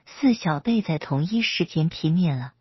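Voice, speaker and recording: Low, husky woman storyteller. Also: animated, normal speed, no echo, muffled recording. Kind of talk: serialized fan fiction narration.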